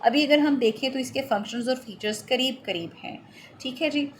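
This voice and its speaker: A middle-aged woman, explaining a lesson in a measured way, with many fillers and English terms. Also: sits high, a little hiss or hum. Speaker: lecturer. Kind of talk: explanatory lecture.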